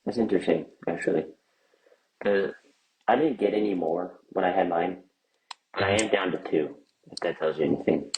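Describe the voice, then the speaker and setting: A man co-hosting a comedy sketch, giving absurd answers in a flat, deadpan way. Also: low voice, moderate pace, pauses often, rough recording. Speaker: comedy show co-host.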